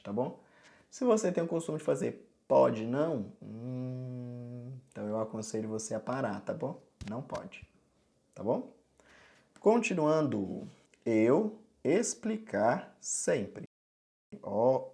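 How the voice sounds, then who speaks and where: A Brazilian man with a gravelly, warm, mid-range voice gives a casual sign language lesson. He's chatty and explains things step by step, often checking in with the viewer with "tá bom?"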